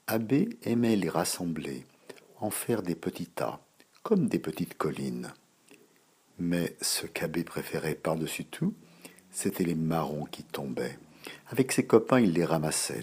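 A man softly reading a children's bedtime story, slow and hushed at times. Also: deep voice, husky.

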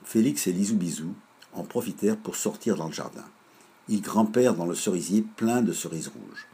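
A man reading a children's story aloud in a measured, lively way. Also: low voice, breathy edge.

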